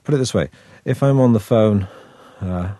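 This actor from Manchester, England, speaks with a northern English accent as a guest in a laid-back interview, wry and halting with frequent restarts. His voice is lowish and dark-toned at a moderate pace, recorded dry.

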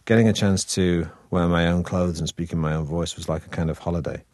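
His intonation stays fairly even as this Manchester actor, low-voiced and darkish in tone, talks a little quickly during a relaxed interview. Wry and faltering, he restarts often; the studio recording is clean, without echo.

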